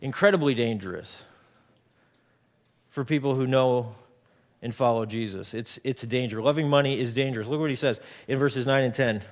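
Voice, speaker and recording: A man's voice: mid-range voice, normal speed. A man in his forties preaching a conversational sermon, often repeating words and mixing in homely everyday examples. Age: 40s. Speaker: pastor.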